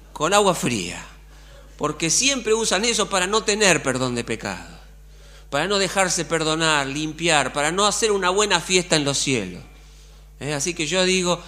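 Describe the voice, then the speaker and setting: A middle-aged Argentine pastor preaches a sermon in Argentine Spanish, colloquial and packed with rhetorical questions. His voice sits high and sounds pushed and bright.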